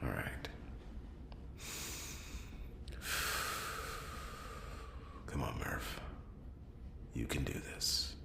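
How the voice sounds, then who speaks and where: A man playing a wry, brooding noir detective in a breathy, gravelly whispered role-play, muttering hesitantly as he thinks aloud to himself. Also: very slow. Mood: weary, straining. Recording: roomy echo, clear background noise.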